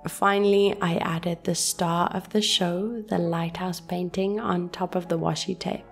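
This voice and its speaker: A woman calmly narrating a scripted voice-over for her journaling video in a soft, gentle, unhurried way. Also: on the low side, gravelly. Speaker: journaling channel host. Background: soft background music.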